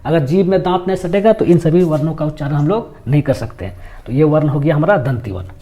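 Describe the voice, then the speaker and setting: A man teaching grammar in a slightly raised, mellow voice. He explains patiently, repeating each term and asking questions only to answer them himself. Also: on the high side, expressive, fast talker. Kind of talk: grammar lesson.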